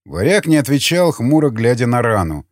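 A man narrating an audiobook in an expressive reading style. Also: mid-range voice, normal speed, no echo, studio quality. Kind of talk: scripted narration.

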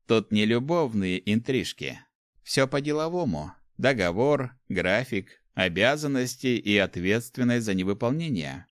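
A man voicing a calm young male necromancer student who talks in a dry, businesslike way. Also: mid-range voice, measured pace, dry recording, close to an everyday voice. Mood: matter-of-fact.

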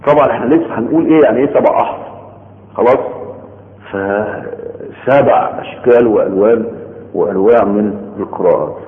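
Man lecturing in an Egyptian accent, echoey and tinny. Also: medium pitch. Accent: Egyptian Arabic. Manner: explanatory, repeats points and checks understanding. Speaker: Islamic studies lecturer. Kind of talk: Egyptian colloquial lecture on Quran sciences. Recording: echoey hall on a tinny phone-like line.

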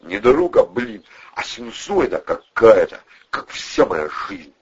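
A man's voice: lowish voice, big pitch swings, unhurried, husky, muffled recording, pitched above the performer's own voice, heavily acted. A man doing a brash cocky driver. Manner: blunt, loud, cocky. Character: brash bold man behind the wheel.

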